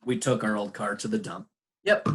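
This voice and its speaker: English teacher, male, slightly husky, patient explainer on a video call. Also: fairly low pitch, steady tone, moderate pace. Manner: patient, explains words with examples. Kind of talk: online English lesson.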